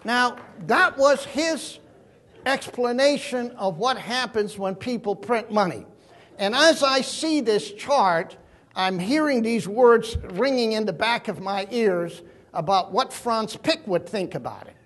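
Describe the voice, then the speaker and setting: Older man, keynote speaker, high voice, earnest, emphatic. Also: expressive, slow, a bit bright. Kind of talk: keynote talk on money and markets.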